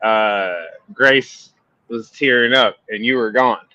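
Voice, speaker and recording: A man's voice: mid-range voice, fairly even intonation, takes it slowly, sharp tone, no echo. A man calling in to a stream for a casual chat, his voice coming through tinny and hollow, as if through a tube. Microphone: phone call.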